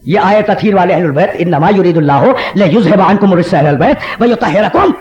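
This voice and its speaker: A man, a religious scholar, delivering a Muharram sermon to a large outdoor gathering, asking the crowd rhetorical questions and rising to impassioned shouts. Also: high voice, animated, slight background noise. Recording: echoey, dull lo-fi 1990s tape of loudspeakers.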